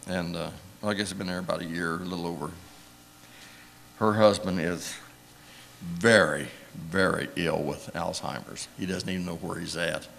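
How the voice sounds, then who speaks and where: A man's voice: sits low, steady tone, moderate pace, creaky, a bit bright. An older man, a church elder, telling rambling, emotional stories in a folksy sermon and chuckling often. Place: church sanctuary.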